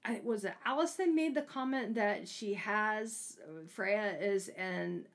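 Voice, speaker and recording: A woman's voice: mid-range voice, slow pace. A woman co-hosting a casual book discussion, talking hesitantly and trailing off with fillers. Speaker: book podcast co-host.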